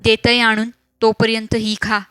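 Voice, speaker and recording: A woman voicing a calm older village woman who performs rituals, coaxing and soothing, with a Malvani accent. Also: fairly high pitch, unhurried, clear, resonant tone, no room sound.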